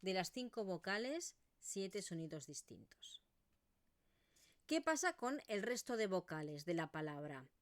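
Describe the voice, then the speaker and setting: A woman's voice: medium pitch, sing-song, measured pace, no echo. A woman with an Eastern Catalan accent teaching pronunciation in an online video lesson, modelling vowel sounds as she explains.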